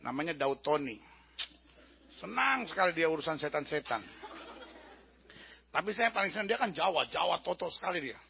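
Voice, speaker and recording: A man preaching a humorous sermon as pastor, telling lively stories and mimicking regional voices of the people in them. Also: on the high side, moderate pace, gravelly, pauses often, a little hiss or hum. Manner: animated storytelling, mimics regional accents and characters. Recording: dull lo-fi sermon recording.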